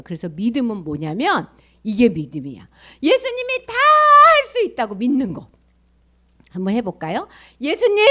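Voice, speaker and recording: A woman leading a children's sermon, telling a story in an animated way and asking the children questions. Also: sits high.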